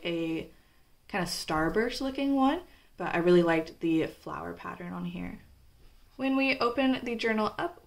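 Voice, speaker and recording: A young woman from Canada chatting casually through a stationery haul, with frequent filler words. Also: mid-range voice. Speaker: stationery vlogger. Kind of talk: casual show-and-tell.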